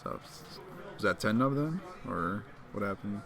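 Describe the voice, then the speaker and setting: A man co-commentating live on a tabletop miniatures game in a relaxed, agreeable way. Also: fairly low pitch, unhurried, gravelly, a crowd in the background. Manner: relaxed, agreeable, chuckles often.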